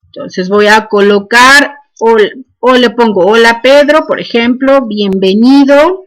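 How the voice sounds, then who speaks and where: Lady walking thru code slow, says este a lot, kinda high voice. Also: fairly bright tone. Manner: slow, step-by-step dictation with fillers like "este". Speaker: programming teacher. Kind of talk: screen-recorded coding lesson.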